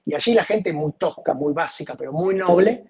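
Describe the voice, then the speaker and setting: A man with an Argentine Spanish accent, a doctor who specializes in aging, answering interview questions in an emphatic, expressive storytelling manner. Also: a little high, fairly quick, highs cut off, crowd noise.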